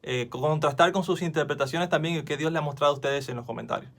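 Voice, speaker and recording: At home with his phone pointed at himself, a man shares informal Bible teaching in a rather high voice, moving at a quick clip. His tone is heartfelt and talky; he keeps rebooting his sentences and asking the people watching questions.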